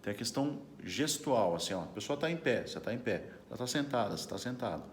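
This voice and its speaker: A man's voice: medium pitch, animated, fast, slight background noise. A middle-aged man, a corporate trainer, giving a casual lesson to camera with a chatty, questioning manner. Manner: chatty, frequent tag questions.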